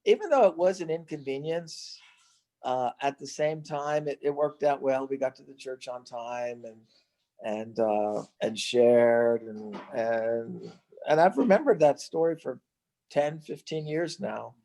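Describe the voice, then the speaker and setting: A middle-aged man who works as a missionary and evangelist, telling a story in a relaxed chat. His voice sits at an ordinary pitch, and he often stops, restarts and fills gaps with "uh" as he goes. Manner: storytelling, halting with restarts and fillers. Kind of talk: casual chat.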